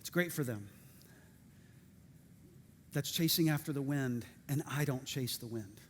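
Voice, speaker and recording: A middle-aged male pastor preaching a sermon, energetic and lively, with joking asides and calls to the congregation. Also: medium pitch, unhurried, a little hiss or hum. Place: church sanctuary. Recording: reverberant church hall.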